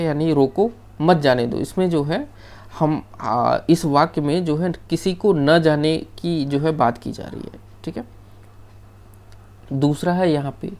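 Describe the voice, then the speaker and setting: Teacher, gravelly, mid pitch, screen-shared lesson, step-by-step explaining, casual check-ins. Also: darkish tone. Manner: loose, off-the-cuff delivery with restarts.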